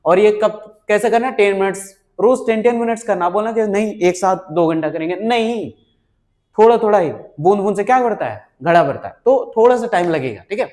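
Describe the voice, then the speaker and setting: A man with a high voice teaches a spoken English lesson. He mixes Hindi with English words and asks questions that he answers himself. He often stops to check that learners follow. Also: animated, brisk, a little mellow. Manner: repeats "ठीक है?" and "right?" to check on learners.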